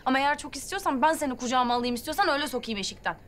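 An actress playing an excitable, fussy young woman who hurries her friend along in a TV comedy. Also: high-pitched, rapid-fire. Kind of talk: TV comedy acting.

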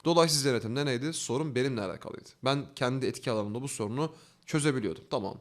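Fast-talking, earnest male instructor. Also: medium pitch. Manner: explains step by step, asking himself questions and answering them; fast, earnest, coaxing delivery with rising emphasis. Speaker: online self-development instructor. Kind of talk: instructional talk.

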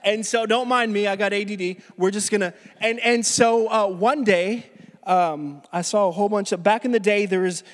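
A man's voice: high voice, normal speed. A man in his thirties preaching a sermon as pastor, telling a story casually with many restarts, a little out of breath. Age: 30s. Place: church hall. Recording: reverberant church hall.

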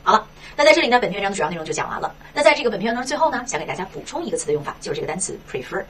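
A woman teaching an English textbook lesson in Mandarin, asking herself questions and tagging many lines with a quick "right?". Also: mid-range voice, distant mic, slight background noise. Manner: lively, rhetorical questions, frequent "是吧".

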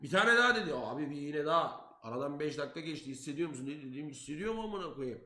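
Loud, swearing young man with a bright voice. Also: fairly high pitch, racing. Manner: animated, profane, quoting himself loudly. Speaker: streamer. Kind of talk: casual storytelling to chat. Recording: roomy echo.

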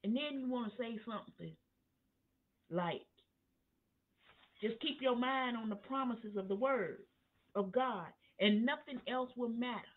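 Woman pastor, Bible study preacher, unhurried and emphatic, building to fervent highs; somewhat high voice. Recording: tinny phone-line sound.

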